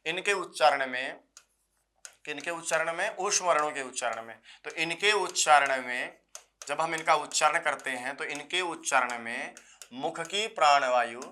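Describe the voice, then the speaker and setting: A male Sanskrit teacher gives an exam-prep grammar lecture in a bright, fairly high voice. He repeats phrases slowly and answers his own questions, and he slips in homely jokes for his students. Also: a little hiss or hum. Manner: folksy jokes, addresses students as sir.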